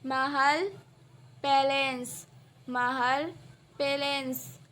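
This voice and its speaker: A woman teaching vocabulary, saying each word and its translation twice in a slow, deliberate drill, and speeding up for short explanations. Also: high voice, level tone, fairly bright tone. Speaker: English teacher.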